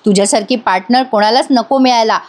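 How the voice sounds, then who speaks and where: A curt, sarcastic young husband from a serial recap, read out by a woman narrator in her own high voice. He snaps back short and dismissive. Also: fast talker, lightly acted.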